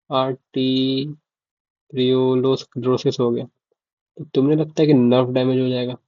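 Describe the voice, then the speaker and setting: A man's voice: mid-range voice, dark tone, dry recording. Casual young male medical tutor. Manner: casual, asks "ok?" and repeats key terms to check understanding. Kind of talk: informal lecture explaining to students. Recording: dull, dry lo-fi mic.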